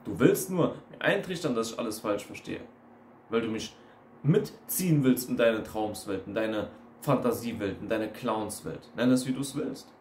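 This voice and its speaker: A man's voice: fairly low pitch, moderate pace, a little mellow. A man, an online coach, giving a blunt, ranting monologue full of emphatic repetition. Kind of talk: casual monologue video. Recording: roomy with faint noise.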